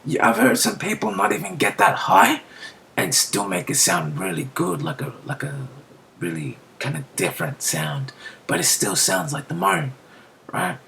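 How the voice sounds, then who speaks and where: Gravelly, bright-voiced beatbox tutor. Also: mid-range voice, moderate pace, a little hiss or hum. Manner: explains step by step, keeps checking in with "right?". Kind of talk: casual spoken tutorial.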